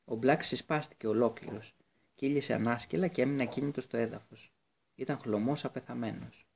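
Man, audiobook narrator, steady reading, occasional restarts, mid pitch. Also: vocal fry, slightly rough.

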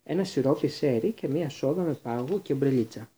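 A man voicing a big, good-natured male gamekeeper in a storybook, blunt and hearty, with a husky voice. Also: mid-range voice, expressive, mellow.

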